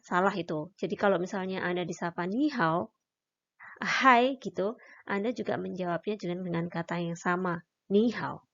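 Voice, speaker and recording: A woman's voice: medium pitch, lo-fi sound. A woman teaching a language lesson, patiently explaining and demonstrating each syllable aloud. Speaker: Mandarin teacher. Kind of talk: recorded online lesson.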